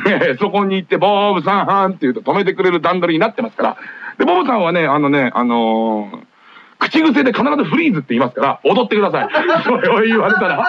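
A man's voice: sits high, breathy edge. A man hosting a late-night radio show, telling rambling comic stories with frequent laughs, taped off the air in lo-fi. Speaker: radio host. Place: radio studio.

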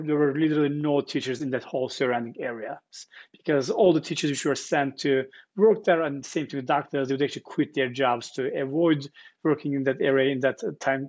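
A man, a guest telling his story earnestly over a video call, often repeating words as he searches. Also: mid-range voice. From Turkey. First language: Turkish. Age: 40s. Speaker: guest founder. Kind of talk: casual interview storytelling. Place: living room with armchairs, indoors. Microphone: earbuds on video call.

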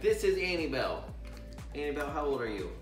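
Over loud music, a man speaks in a fairly high, sing-song voice at a fairly quick pace. He's a pastor in his thirties patiently guiding children through a playful how-to at a home dining table, repeating every instruction step by step, and a camera on the table records him.

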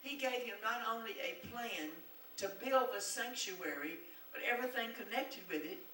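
A woman's voice: on the high side, normal speed, fairly bright tone. A woman pastor preaching a sermon, reading scripture aloud with rising emphasis and putting questions to the congregation. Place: church sanctuary. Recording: echoey church room, voice from far off, faint noise.

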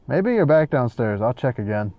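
A man's voice: mid-range voice, sing-song, moderate pace, no echo, lo-fi sound. A man giving casual gameplay commentary, joking and sarcastic as he talks back at the game.

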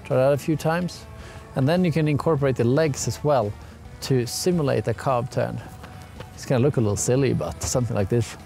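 A man's voice: mid-range voice, a little fast, gravelly, mellow. A young man giving a casual ski lesson to camera, outdoors on a mountain. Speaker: ski instructor. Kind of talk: casual instructional talk to camera. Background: music.

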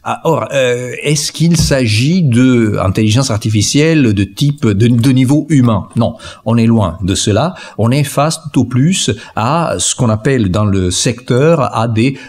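A man's voice: medium pitch, expressive, a little slow, a little mellow. A man giving an academic lecture to an audience, talking through slides with frequent hesitations and fillers. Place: lecture hall.

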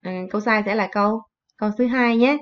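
In a bilingual classroom lesson, a woman teaches English, reading phrases and repeating them in translation while explaining slowly. Her voice is high-ish and steady, captured in a dull lo-fi recording.

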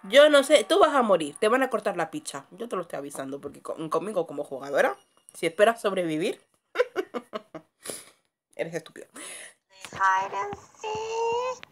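A woman's voice: mid-range voice, sing-song, moderate pace, pauses often. A woman casually commentating a horror game, swearing a lot, muttering under her breath and screaming when startled. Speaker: gamer streamer.

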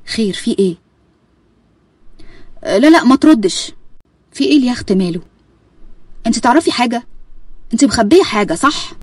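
A woman acting out a stern Egyptian man, blunt and scolding. The voice is dark and gravelly-husky, spoken fast with no room around it. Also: a little high, animated, dry recording. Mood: suspicious. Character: stern grown man, protective son, quick-tempered.

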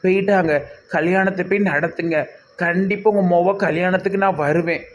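A man voicing a stern, high-voiced village panchayat leader with a Tirunelveli accent. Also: fairly even intonation, moderate pace, slight background noise, natural voice. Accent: Tirunelveli Tamil. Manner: commanding, threatening.

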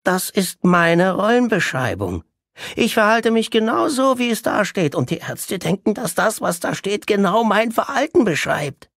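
A man's voice: measured pace, no echo, studio quality, full character voice. A man voicing an agitated, theatrical male psychiatric patient in an audiobook, declaiming and mocking in a raised voice. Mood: triumphant. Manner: declaiming, mocking, pitched up excitedly. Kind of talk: audiobook character reading.

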